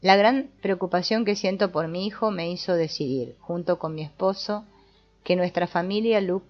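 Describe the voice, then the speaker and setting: Low-voiced woman narrating calmly. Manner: calm, measured reading voice. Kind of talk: scripted narration. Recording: dull lo-fi voice-over with soft guitar music.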